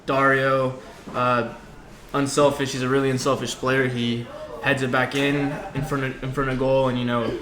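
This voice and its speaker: Young male athlete guest, casual chat, mid pitch, clearly roomy sound. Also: flat delivery, normal speed, a crowd in the background. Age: young adult. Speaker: soccer player, podcast guest. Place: indoor lounge seating area. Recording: roomy echo, faint background noise.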